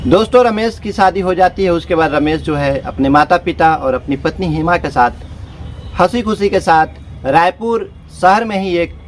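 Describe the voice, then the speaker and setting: A man's voice: sits high, lively intonation, normal speed, slight background noise. A man casually narrating a story, talking to his listeners as friends in loose, repetitive phrasing.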